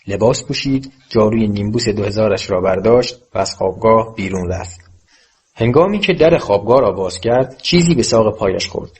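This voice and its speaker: A man narrating an audiobook with a steady, measured reading. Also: lowish voice, breathy edge.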